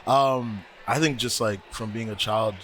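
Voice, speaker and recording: A man interviewed as a guest musician, telling his story in an animated, laughing way. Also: on the low side, a little slow, slight background noise. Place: conference.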